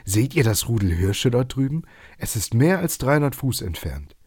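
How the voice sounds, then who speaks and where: A man's voice: mid-range voice, sing-song, normal speed, darkish tone, slightly rough, no room sound, clean studio sound, voice pushed up. A man voicing a hot-tempered eighteen-year-old archer with defiant, boastful retorts in a storybook reading. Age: young adult.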